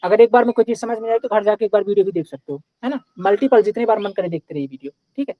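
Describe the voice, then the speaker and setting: A man's voice: high-pitched, rapid-fire, no room sound, dull audio. A young man teaching a live online class in a casual, chatty way, often checking in with his students.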